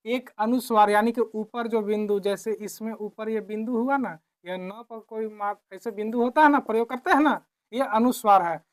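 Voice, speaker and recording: A woman teaching a classroom lesson, who keeps asking her own questions and answering them, repeating each point slowly. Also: on the high side. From India.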